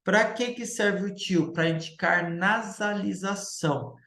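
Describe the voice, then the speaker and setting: A male teacher giving a recorded grammar lecture, explaining step by step and checking in with the class through quick tag questions. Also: high-pitched, bright, forceful tone, echoey room.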